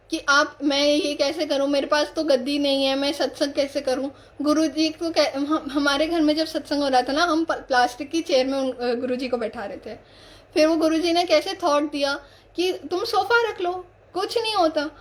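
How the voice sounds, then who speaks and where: A young woman with a high, light voice gives a devotional talk on a live stream. She speaks earnestly and conversationally. She circles back to her key points and often restarts her sentences. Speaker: satsang speaker.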